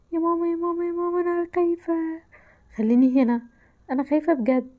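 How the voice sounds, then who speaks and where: A woman with an Egyptian Arabic accent talks through a horror game she is playing. Her voice sits high but has a warm, mellow tone. She sounds frightened and exclaims a lot, often sinking into hushed whispers. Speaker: gameplay narrator.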